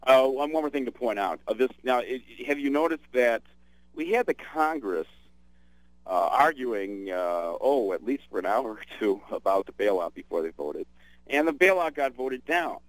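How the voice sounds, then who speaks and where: A man's voice: medium pitch, lively intonation, normal speed, dry recording, rough recording. A man hosting a radio talk show, chatting casually about politics with many fillers and restarts.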